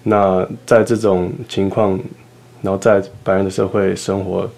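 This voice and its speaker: A young man answering interview questions hesitantly, pausing with fillers as he thinks. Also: sits low, level tone, gravelly, darkish tone. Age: young adult. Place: dark studio backdrop, indoors.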